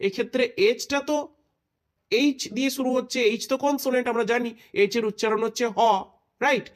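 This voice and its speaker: A man's voice: very high-pitched, steady tone. A man explains an English grammar lesson. He drills each pronunciation over and over and keeps checking in with questions as he teaches. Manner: reads English rules out slowly and deliberately.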